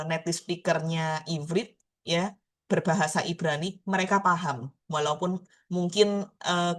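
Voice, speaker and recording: This is a woman with a Surabaya Javanese accent teaching a language class online. Her voice sits slightly low and she speaks very slowly. She drills each sound again and again with steady patience. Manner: slow, patient, repeats words to drill pronunciation.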